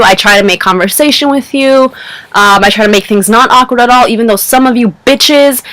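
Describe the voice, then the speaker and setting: A woman's voice: on the high side, fairly bright tone, dry recording, rough recording. A woman in her twenties ranting casually to camera in her bedroom, exasperated and profane, rambling with fillers. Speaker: vlogger.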